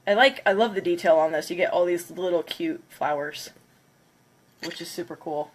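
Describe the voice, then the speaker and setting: Chatting casually on her livestream, a congested woman with a cold counts down to smashing plates for her craft stream. She speaks at a normal speed in a lowish voice.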